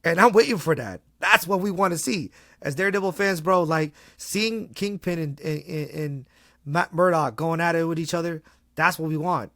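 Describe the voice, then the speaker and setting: A man co-hosting a casual fan podcast, talking fast and excited in slang, often restarting his sentences. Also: on the high side, dry recording, studio quality. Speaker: podcast co-host.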